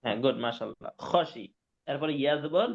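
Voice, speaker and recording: A man teaching Quran reading in an online class, patiently spelling out syllables slowly and repeating each word. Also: medium pitch, expressive, gravelly, highs cut off. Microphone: online class call mic.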